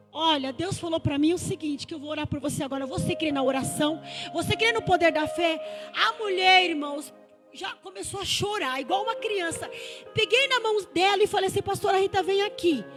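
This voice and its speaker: A woman pastor preaches a testimony in a very high voice. She acts out the dialogue of her story and builds to fervent exhortation. Soft music plays faintly behind her. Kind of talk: testimony sermon.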